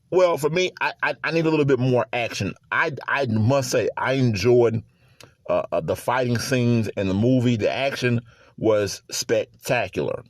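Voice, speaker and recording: A man's voice: medium pitch, moderate pace, no room sound. A man hosting his own sports podcast in a casual solo chat, easygoing and prone to chuckles and repeated words.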